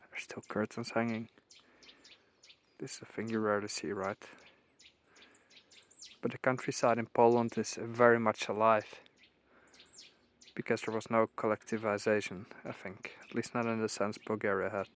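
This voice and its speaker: Calm man with a flat voice. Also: on the low side, normal speed, pauses often. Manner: relaxed, musing, thinking aloud. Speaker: travel vlogger. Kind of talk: casual walking vlog narration. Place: outdoors on small-town streets.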